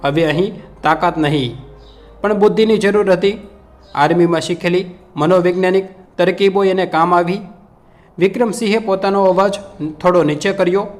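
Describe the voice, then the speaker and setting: A man with a fairly high voice narrates a scripted story with dramatic, emotional weight. Soft music runs under his voice throughout. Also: steady tone, normal speed, long pauses.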